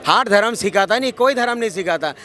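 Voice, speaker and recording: In a heated debate on a city street, a man argues insistently during an interview and keeps cutting in to be heard. His voice sits high and sounds animated, a little fast, pushed and bright. A crowd of bystanders can be heard behind him.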